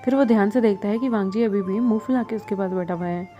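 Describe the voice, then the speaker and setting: A woman's voice: medium pitch, quick pace, mellow, dull audio, faint music behind. A woman telling a fan story in a casual, chatty narrating style with conversational asides.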